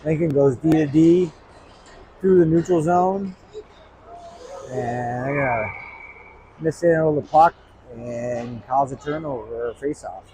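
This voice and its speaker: Guy doing quick hockey play calls, kinda high voice, big echoey reverb all over it, faint hiss. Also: dark tone. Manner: brisk, clipped play calls that rise toward the final seconds. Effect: heavy echoing reverb, like a big hall. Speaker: play-by-play commentator. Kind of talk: live hockey commentary. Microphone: microphone placed near an iPad. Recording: echoey reverb-heavy recording with faint noise.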